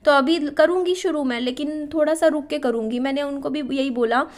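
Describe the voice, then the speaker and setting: High-voiced young woman, chatty vlogger. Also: a little fast. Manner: chatty, keeps asking listeners to agree. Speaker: family vlogger. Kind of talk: casual vlog chat.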